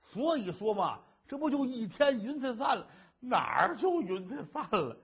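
A doting scholar husband, voiced by a male storyteller coaxes and blusters in a high, swooping, husky voice. He boasts of himself to calm his wife. The recording is dull and lo-fi. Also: full character voice. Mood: coaxing. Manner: coaxing, blustering, quick-talking.

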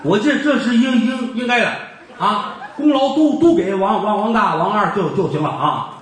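A man's voice: sits high, moderate pace, a bit bright. A man voicing a humble male constable with a heavy stutter who keeps repeating syllables, in an echoey hall. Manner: repeats syllables, modest and deferential.

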